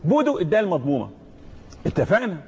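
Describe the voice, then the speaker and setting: A man with an Egyptian Arabic accent leads a tajweed lesson, breaking words down letter by letter and chanting each verse slowly for students to repeat. His voice sits fairly high for a man. The recording is dull and lo-fi. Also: sing-song, darkish tone, slightly rough. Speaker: Quran recitation teacher.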